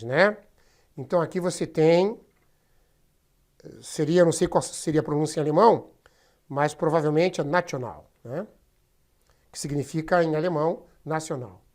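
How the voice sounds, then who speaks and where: Brief: woman, history teacher, low voice, chatty classroom explaining to students. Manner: chatty, explains step by step, addresses students as gente. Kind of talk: recorded class lecture over slides.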